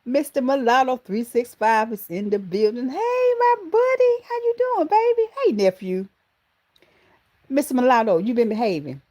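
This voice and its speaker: A high-voiced Southern woman from Georgia, US, hosts a chatty livestream at a moderate pace, greeting viewers casually. She's affectionate, calls them baby and honey, and makes animated exclamations.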